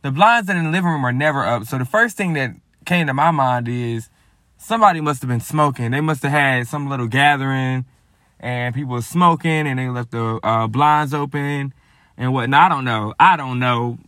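A man telling a story to his viewers in a casual, lively, slangy way. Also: medium pitch, normal speed, dry recording, clean studio sound. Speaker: vlogger.

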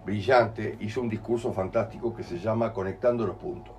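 A man with a Rioplatense Spanish accent leads a group, explaining in an animated way, acting out quoted voices and often checking that listeners follow. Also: lowish voice, brisk. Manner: animated, acts out quoted voices, keeps asking "¿entendés?". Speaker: group workshop leader.

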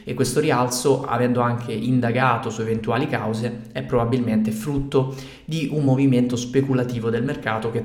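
A man hosting a weekly market update, reading figures out methodically, with low-quality audio recorded while traveling. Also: a little mellow, reverberant. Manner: methodical, reads out figures steadily. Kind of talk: scripted market commentary. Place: temporary room while away from home.

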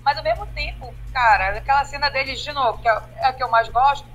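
A woman with a bright, forceful voice sitting a little high in pitch. She talks in a loose podcast chat, animated and critical, dropping casual fillers as she builds her point. Faint music sits underneath. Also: fast talker, muffled recording. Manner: animated and critical, with frequent fillers like 'né' and 'cara'. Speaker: podcast co-host.

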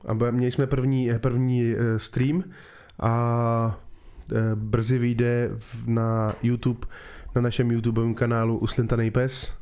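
Male podcast co-host, mid pitch, slow, hesitant, casual. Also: little pitch movement, darkish tone, clear, resonant tone. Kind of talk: casual chat.

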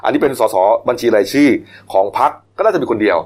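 A man's voice: mid-range voice, fast, breathy edge. A man hosting a news talk show, chatting casually with co-hosts and using many polite particles. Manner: chatty, many polite particles, rising excitedly when retelling.

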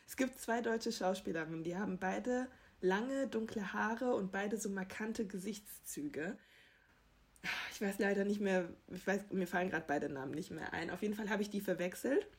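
A woman's voice: medium pitch, moderate pace. A young woman working as a TV entertainment reporter, telling anecdotes in a chatty, self-deprecating way with frequent laughs. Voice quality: husky. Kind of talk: casual interview answers, anecdotes.

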